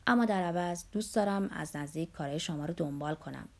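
A woman voicing a patronizing middle-aged male publisher in an audiobook, measured and falsely polite. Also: fairly low pitch, vocal fry, a little mellow, voice pushed down. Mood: condescending.

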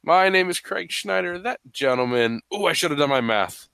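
A man's voice: on the high side, animated, moderate pace, gravelly, sharp tone, clean tone, no room sound, studio quality. A man with a stuffy voice hosting a podcast in a playful, casual, chatty way. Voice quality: stuffy, congested-sounding. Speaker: podcast host. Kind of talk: casual chat.

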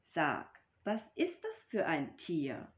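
A woman's voice: low voice, wildly swooping pitch, takes it slowly, heavily acted. Woman doing a slippery, skittish snake, storybook read-aloud. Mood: wheedling. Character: sly snake that turns skittish. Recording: dull lo-fi recording.

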